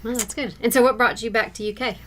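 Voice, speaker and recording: A woman's voice: a little high, fairly even intonation, fast talker, a bit bright, slight background noise. A woman co-hosting a podcast, introducing and questioning a guest in a studio in a friendly, encouraging way. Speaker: podcast co-host. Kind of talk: interview hosting. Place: radio studio.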